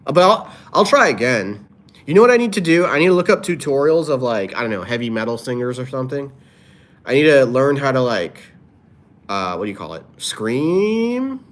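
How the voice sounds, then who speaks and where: On a live stream, a man with a mid-range voice and lively intonation speaks fairly quickly. He casually reads viewer comments aloud and tosses out playful improvised rhymes.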